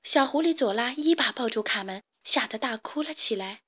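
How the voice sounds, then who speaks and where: A woman reading a children's story aloud, expressive and dramatic, dropping to a hush for suspense. Her voice sits fairly high for a woman. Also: normal speed, breathy edge. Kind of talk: children's audiobook narration.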